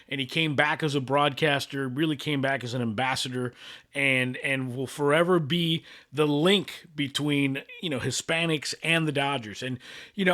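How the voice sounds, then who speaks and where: A man's voice: fairly high pitch, a bit bright. A middle-aged man from Los Angeles hosting a sports channel, talking through the news in a loose, conversational way with frequent fillers and restarts. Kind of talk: casual sports commentary.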